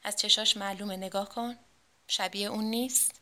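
A gruff older painting master, played by a woman reading a story, scolding and evasive, often dropping to a hushed mutter. The voice stays bright and clear. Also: medium pitch, fairly even intonation, natural voice.

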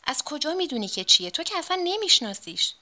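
Woman playing a pleading young male painter, high and bright. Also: sing-song, exaggerated voice.

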